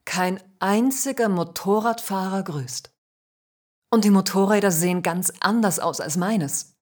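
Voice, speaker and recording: A woman voicing the ghost of a man killed in a motorcycle crash, snappish at first and later quietly remorseful, in a spoken ghost story. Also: low-pitched, moderate pace, husky. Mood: eager. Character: dead male biker ghost, gruff, then humbled.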